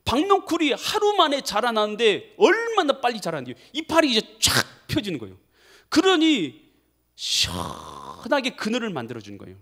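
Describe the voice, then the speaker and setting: Casting: male pastor, high and very lively voice, dramatic storytelling sermon. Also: normal speed. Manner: animated storytelling, acting out dialogue with big pitch swings.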